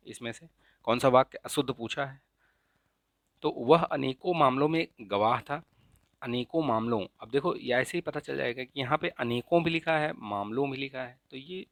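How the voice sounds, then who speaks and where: A man teaching an exam-prep lesson in a casual, explanatory way, often checking in with "ठीक है?" and slowly repeating correct spellings. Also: medium pitch, fairly bright tone, no room sound. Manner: frequent checks of "ठीक है?" and filler "अ"; repeats the right spellings slowly to stress them. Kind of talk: casual explanatory lesson, walking through a paper.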